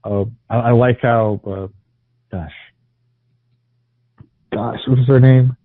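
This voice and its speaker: A podcast co-host chats casually about TV in a mid-range voice, speaking slowly with fairly even intonation. He's hesitant, often stumbling, restarting sentences and using lots of fillers. The recording is dry but sounds tinny, like a phone.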